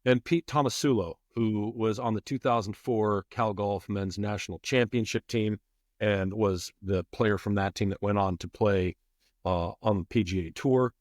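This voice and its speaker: A middle-aged former public address announcer appears as a podcast guest in a spirited conversational interview, speaking emphatically and repeating phrases for stress. His voice is fairly low, steady and a little mellow at normal speed, captured in studio quality with no echo.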